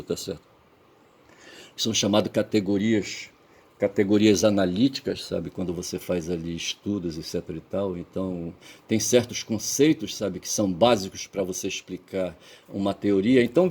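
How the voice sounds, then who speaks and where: A Brazilian man vlogging in a digressive, lecturing monologue, peppered with "tá certo?" and "sabe?" and trailing off quietly at the ends of phrases. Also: low voice, slightly rough. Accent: Brazilian Portuguese. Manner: casual swearing, lecturing tone. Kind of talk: rambling casual monologue.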